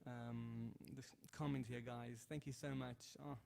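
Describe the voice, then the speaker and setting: Speaking in a mid-range, slightly creaky voice with a darkish tone, a guitarist streams live from home and talks casually with his audience. He moves a little slowly, with little pitch movement, and reads and thanks viewers for their comments amid many hesitant fillers and restarts.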